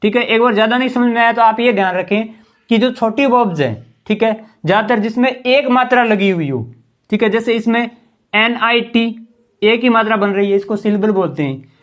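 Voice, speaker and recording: A man's voice: high-pitched, brisk. A man teaching English grammar in a classroom-style lesson, patiently quizzing his listeners with rhetorical questions. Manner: patient, keeps asking the class rhetorical questions and saying "ठीक है".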